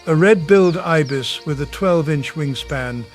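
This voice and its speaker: A male narrator reads scripted nature documentary narration in a noticeably high register for a man. His delivery is measured and portentous, built for drama. Music plays clearly behind his voice.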